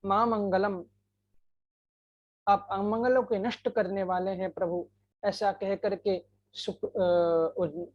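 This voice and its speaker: A woman narrating a devotional scripture story in an unhurried way, breaking into sung verses. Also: mid-range voice, steady tone, lo-fi sound. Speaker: katha storyteller.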